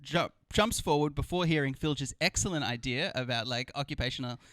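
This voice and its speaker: A man's voice: mid-range voice, a little fast, a bit bright, dry recording. A man acting as game master, improvising wry narration for a live tabletop game.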